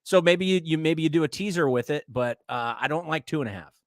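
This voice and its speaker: A man co-hosting a sports talk show, chatting casually and joking, often trailing off softly. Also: on the high side, quick pace, no room sound, clean studio sound. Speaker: co-host.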